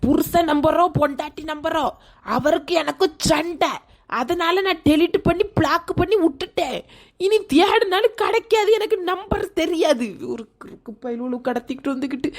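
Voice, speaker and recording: A woman's voice: sits high, darkish tone. A woman voicing a panicky middle-aged village mother-in-law, wailing and scolding her kidnappers. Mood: fretful. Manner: wailing, scolding, rambling complaints.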